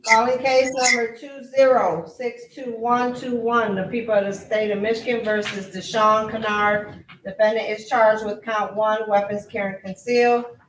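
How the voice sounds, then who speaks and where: A woman court clerk calling cases and reading charges in a brisk, formal way, heard on a courtroom recording. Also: a little high, flat delivery. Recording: echoey distant courtroom recording, faint noise.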